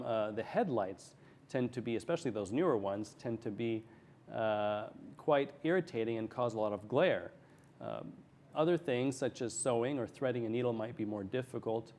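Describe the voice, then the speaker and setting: A man's voice: mid-range voice, a little mellow. A man speaking as a medical expert in a TV interview, explaining things plainly and step by step. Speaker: eye surgeon, interview guest. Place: TV studio.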